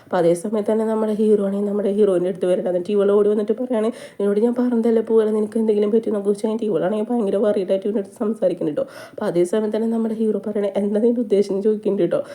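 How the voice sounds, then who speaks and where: A woman, casually retelling a drama plot in rapid chatty storytelling. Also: mid-range voice, steady tone, warm tone. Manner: rapid chatty retelling, frequent tag "ട്ടോ". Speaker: movie recap narrator.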